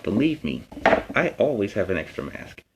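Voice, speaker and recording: Here the story time host, dressed in costume, delivers an informal safety message to his viewers at an ordinary pace. His voice sits low and his manner stays earnest, plain, and forceful, over a clear, constant background noise.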